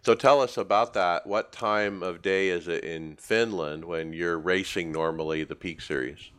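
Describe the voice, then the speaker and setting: Very deep-voiced podcast host. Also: male voice, moderate pace, a bit bright, smooth. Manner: conversational, leading questions with fillers. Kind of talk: interview questions.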